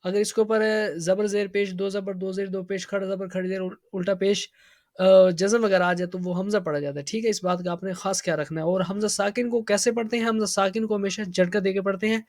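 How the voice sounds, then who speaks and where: A woman teaching a tajweed lesson to children. She draws out each syllable slowly when spelling it out, then speeds up to explain the rules, asking and answering her own questions. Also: mid-range voice, fairly even intonation, darkish tone, no room sound, clean studio sound. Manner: slow drawn-out spelling, then brisk explaining. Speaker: Quran reading teacher.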